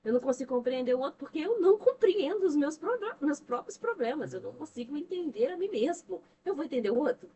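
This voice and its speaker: A woman's voice: sits high, animated, fast talker, few pauses, mellow. Emphatic Brazilian woman with a preaching tone. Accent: Brazilian Portuguese. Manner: emphatic, preacher-like, rhetorical questions. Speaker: podcast guest, church member and counselor. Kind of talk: earnest religious talk on emotional health. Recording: distant mic with faint noise.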